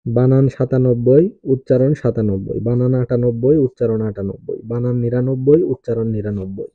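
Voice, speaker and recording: A man teaching, reciting a spelling and pronunciation drill in a steady, repetitive way, saying each number twice. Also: medium pitch, moderate pace, no room sound. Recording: tinny phone-like, dry sound.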